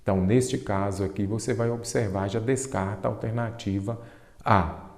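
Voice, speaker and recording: A Brazilian man with a fairly low voice gives an exam-prep grammar lesson, asking questions and answering them himself while he stretches the key terms. The sound is echoey, with a long reverb tail like a bare hall. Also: steady tone, darkish tone. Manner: didactic, asks and answers his own questions, stretches key terms slowly. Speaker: Portuguese teacher.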